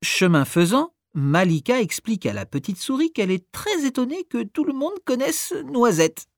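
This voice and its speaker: A woman reading a children's story aloud, expressive and acting out each character. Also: a little high, normal speed, no room sound, clean studio sound.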